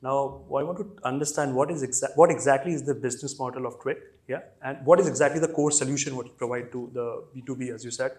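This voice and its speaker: A man hosting a podcast who asks his guests questions haltingly, with many fillers. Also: mid-range voice, a little mellow. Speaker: podcast host. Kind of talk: interview questions.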